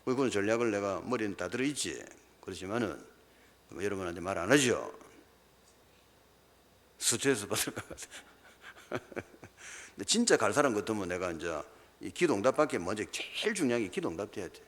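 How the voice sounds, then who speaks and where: Male Gyeongsang-accented preacher with a lively, swooping delivery and pointed rhetorical questions, recorded with a long church-hall echo. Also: lowish voice, fairly quick, long pauses. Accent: Gyeongsang Korean. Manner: emphatic, keeps asking rhetorical questions. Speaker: pastor. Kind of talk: sermon.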